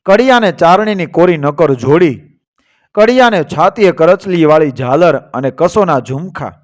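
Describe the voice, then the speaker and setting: A man narrating a moral story as the channel's storyteller, reading steadily with dramatic emphasis. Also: on the high side.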